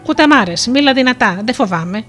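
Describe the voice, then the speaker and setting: A woman narrator voicing a gentle sea princess disguised as a turtle, melodious, playful and kind, with faint music behind. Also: fairly high pitch, lively intonation.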